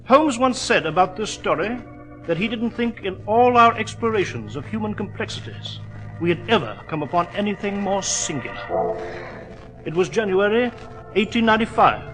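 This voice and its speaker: A man playing a genteel, easily unnerved English gentleman doctor who tells stories, in 1940s radio drama style. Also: high voice, sing-song, normal speed, soft background music, poor audio. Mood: measured storytelling.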